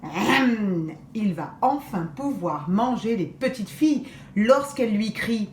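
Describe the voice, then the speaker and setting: A woman teacher reading a children's story aloud with expressive, deliberate storytelling. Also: medium pitch. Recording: echoey room, faint hiss.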